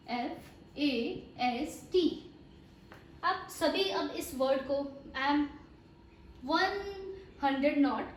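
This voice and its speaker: A woman with an Indian accent teaches English pronunciation in a high, bright voice, slowing right down to spell words letter by letter. She switches easily between Hindi and English. The recording sounds roomy and echoey, as if she sits a little away from the mic. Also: a little hiss or hum.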